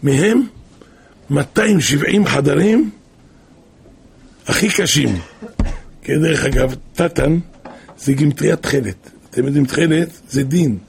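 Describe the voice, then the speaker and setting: A male preacher telling a moral tale in a lively, animated storytelling way. His voice sits a little high for a man and carries a gravelly, creaky edge. Faint room ambience lingers behind him. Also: pauses often, a little hiss or hum. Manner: animated storyteller with wide pitch swings.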